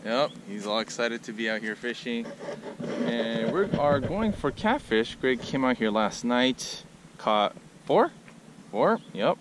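A man's voice: mid-range voice, takes it slowly. A middle-aged man hosting a casual fishing vlog at a lakeside park, chatty and laid-back, recorded on an action camera. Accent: Southern Californian. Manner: laid-back, chatty, excited bursts at catches. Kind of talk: casual outdoor vlog narration. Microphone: action camera mic. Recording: outdoor camera audio with clear background noise.

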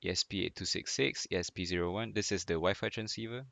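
A man's voice: deep voice, fast talker, creaky, a bit bright, dry recording. A young man from Malaysia presenting a student class project, hesitant and apologetic with many fillers. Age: young adult. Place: home desk, indoors.

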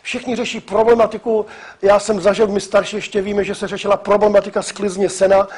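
A man in his sixties from the Czech Republic giving a public lecture, emphatic and animated, with frequent hesitations and restarts. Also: high voice, husky. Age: 60s. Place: lecture hall.

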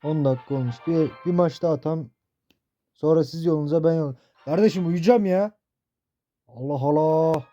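Teen guy cussing thru his mobile game matches, kinda high voice, muffled cheap mic. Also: moderate pace, faint music behind. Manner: profane, excitable outbursts while playing. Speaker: mobile gaming youtuber. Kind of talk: gameplay commentary.

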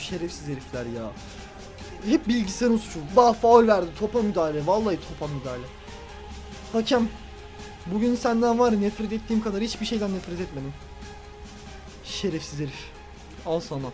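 A man giving let's play commentary on a football video game, ranting at the referee and swinging between loud outbursts and low grumbling. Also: expressive, fast talker. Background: faint background music.

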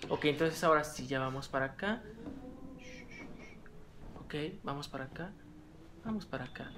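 A man's voice: fairly high pitch, normal speed, background noise. A man with a Mexican accent commenting on a horror game he is playing. He talks nervously, muttering to himself and yelping at scares. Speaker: let's play gamer.

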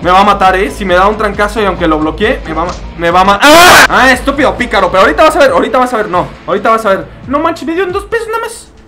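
A young man with a Mexican accent giving excitable, jokey commentary while he plays a fighting game. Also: high-pitched, racing, few pauses, over loud music. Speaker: gaming YouTuber. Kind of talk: gameplay commentary.

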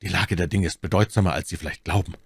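A man's voice: low-pitched, fairly even intonation, fast, gravelly, husky, no room sound, full character voice. A man voicing a grim, zealous young officer in an audiobook, speaking curtly and pressingly. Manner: curt and pressing. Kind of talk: audiobook character voice.

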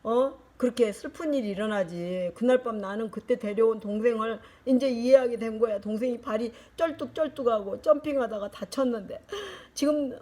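An older woman, a grandmother, reading a picture book to her grandchild, lively and chatty with little asides. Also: fairly high pitch, moderate pace, hardly any pauses. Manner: animated, shifting into character voices and asides.

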